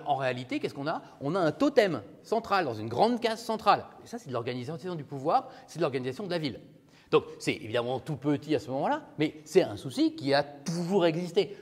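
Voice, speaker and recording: A man's voice: a little high, a little mellow. A man lecturing as a law professor, talking casually and asking his class questions. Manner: conversational, asks the class questions. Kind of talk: university lecture. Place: lecture hall. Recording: reverberant lecture hall.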